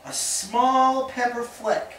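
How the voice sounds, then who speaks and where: A woman narrating a children's picture-book play at a home party, reading aloud slowly and expressively. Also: fairly high pitch. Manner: slow, expressive storybook reading. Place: home birthday party, indoors. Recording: roomy, distant home video with background noise.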